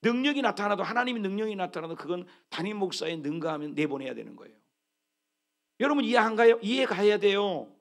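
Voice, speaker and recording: Male pastor, sermon, high and gravelly voice, wildly swinging delivery, sudden loud exclamations. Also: fast. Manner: animated, exclaiming preacher with sudden loud bursts. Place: church sanctuary.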